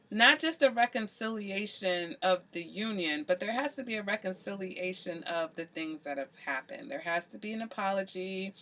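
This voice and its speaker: A woman's voice: medium pitch, pushed and bright. Woman, tarot reader, direct-to-camera, emphatic and earnest, lots of "you know" and "okay?", middle-range voice. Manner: earnest, emphatic advice with frequent "okay?" check-ins; repeats phrases for emphasis, many "you know" fillers.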